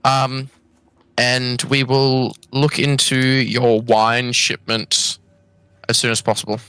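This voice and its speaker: A man's voice: medium pitch, little pitch movement, slow, pushed and bright, clean tone, no room sound. An Australian man playing a tabletop game, bantering with jokes and sarcasm. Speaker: player. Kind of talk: casual tabletop play.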